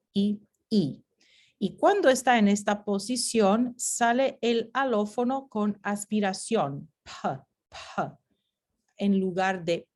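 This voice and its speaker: A woman talks through a recorded slide lesson at an unhurried, careful pace. She says sounds one by one and repeats them for practice, now and then moving into English. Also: mid-range voice, a little mellow. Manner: slow, deliberate, repeating sounds for drill; switches between Spanish and English. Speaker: teacher.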